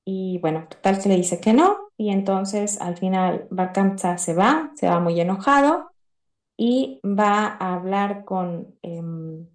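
A woman teaching a lesson through a story, talking in a halting way with frequent restarts as she addresses her listeners. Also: medium pitch. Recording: roomy echo.

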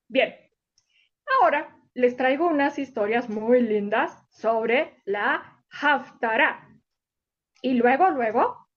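A woman telling stories to young children in a sing-song way, repeating words for emphasis, on a dull lo-fi recording. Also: sits high. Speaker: children's storyteller and teacher.

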